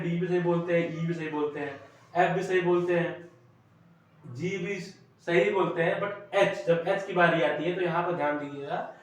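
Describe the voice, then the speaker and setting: A man from India, with a somewhat high voice, runs a classroom lesson, explaining patiently and pausing to check that students follow. He is recorded from a distance in a very echoey room. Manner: explanatory, often checks in with "ठीक है?". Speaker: teacher.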